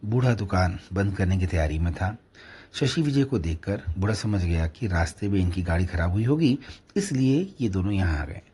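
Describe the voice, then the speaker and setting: Storyteller: deep-voiced man, very husky, steady narration. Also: moderate pace.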